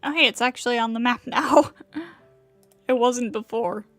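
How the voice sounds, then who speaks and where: A woman with a fairly high, fairly bright voice speaks at a moderate pace in a clean recording with no echo. As a game livestreamer, she gives casual commentary on her play, reacting aloud and talking to herself while video game music plays behind her.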